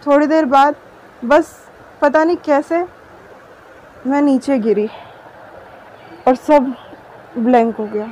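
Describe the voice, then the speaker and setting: A woman's voice: high voice, steady tone, slow, long pauses, a little mellow. A young woman giving an earnest, detailed account in a news interview. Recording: dull muffled audio with faint noise.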